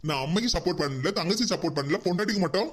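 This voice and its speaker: A man's voice: sits high, animated, rapid-fire. A man voicing an exasperated married son in a cartoon, with a Kanyakumari Tamil accent, pleading and reasoning with his mother. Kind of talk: cartoon voice acting.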